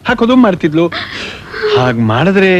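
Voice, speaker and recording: An actor playing a worried older head of the household, protesting anxiously. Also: male voice, high voice, big pitch swings, normal speed, dull audio, a little hiss or hum. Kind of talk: film drama dialogue.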